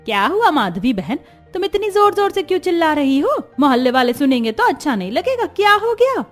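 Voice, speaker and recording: A woman's voice: sits high, very animated, a little fast, faint music behind. A woman voicing a strict middle-aged mother who is firm and insistent, in a cartoon story. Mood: alarmed.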